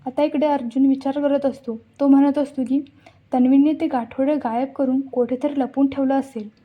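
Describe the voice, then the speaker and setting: A woman's voice: high-pitched, fairly even intonation, moderate pace. A woman casually retelling an episode of a TV serial, unscripted and full of restarts. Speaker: narrator recapping a TV serial. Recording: dull lo-fi recording.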